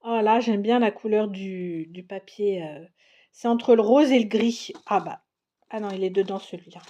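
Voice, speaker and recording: Warm and medium-pitched, this woman from France talks at a normal pace while unboxing crafting supplies for her vlog. She's casual and excited, exclaiming at every item and laughing frequently.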